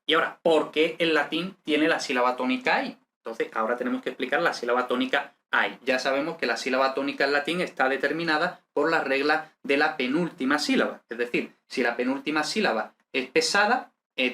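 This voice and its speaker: A man's voice: mid-range voice, sharp tone. A man teaching a lesson step by step, hesitant, with many fillers and checking questions. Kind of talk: step-by-step lecture.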